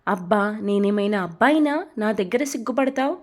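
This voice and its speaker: A woman voicing a nosy young female friend in a storybook romance, nagging loudly and sounding suspicious. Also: mid-range voice, expressive, fairly quick, natural voice.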